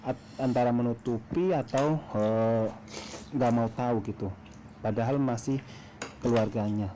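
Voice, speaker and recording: A man chats to camera as a storytelling vlogger. His delivery is hesitant and halting, at an ordinary middle pitch. Noticeable ambient noise sits behind his voice. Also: warm tone. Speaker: food vlogger telling a story.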